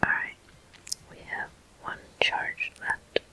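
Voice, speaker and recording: A gameplay host gives a whispered ASMR walkthrough of a video game, speaking softly and breathily in short phrases with a slow, deliberate rhythm.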